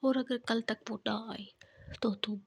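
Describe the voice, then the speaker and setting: A woman's voice: fairly high pitch, steady tone, creaky, slightly rough. A woman whispering as a stern proud mother. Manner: commanding, formal.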